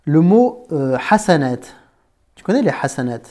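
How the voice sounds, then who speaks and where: A man teaching a beginner to read Arabic letters, patient and informal, often checking understanding and slowly sounding out syllables. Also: a little high, very animated, mellow. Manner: patient, informal, talks to one learner as "tu", checks understanding with "d'accord?"; slows down and stretches words to sound them out. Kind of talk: Arabic reading lesson.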